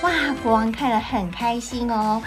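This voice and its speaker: High, animated woman storyteller. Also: normal speed, over music. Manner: animated, sing-song, addresses children. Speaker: children's storyteller. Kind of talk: storytelling for children.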